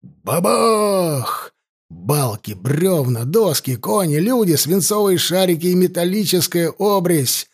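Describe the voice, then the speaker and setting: A man's voice: fairly high pitch, expressive, darkish tone, slightly rough. Man narrating a dramatic audiobook. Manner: dramatic, slows down for emphasis.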